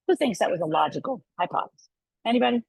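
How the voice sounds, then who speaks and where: A middle-aged woman giving a university lecture in a lively way, often checking in with her listeners. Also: on the high side, racing, vocal fry, breathy edge, no echo, low-quality recording. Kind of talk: lecture to a live audience.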